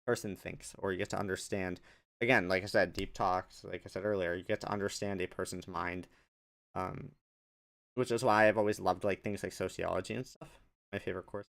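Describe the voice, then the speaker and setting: A man's voice: deep voice, fairly even intonation, a little fast, gravelly, fairly bright tone. A young man hosting his own podcast alone, chatting casually and rambling off on tangents. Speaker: podcast host. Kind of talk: solo casual podcast chat.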